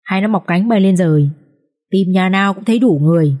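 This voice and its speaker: A woman reading an audiobook voices rough village patrolmen who shout and curse gruffly. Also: medium pitch, brisk, natural voice. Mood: cursing.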